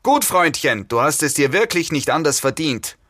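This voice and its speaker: A man's voice: medium pitch, unhurried, no room sound, studio quality, close to an everyday voice. A man voicing a brutal male gang leader who bellows his lines, in an audiobook reading. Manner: shouting, brutal.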